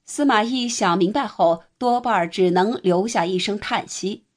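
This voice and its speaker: A woman narrating a nonfiction history audiobook in a steady, even reading voice. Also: medium pitch, moderate pace.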